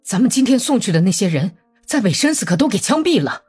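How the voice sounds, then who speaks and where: A woman's voice: mid-range voice, sing-song, darkish tone, breathy edge, faint music behind, voice pushed up. A woman voicing an agitated village man who protests in alarm. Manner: fast, raised, upset.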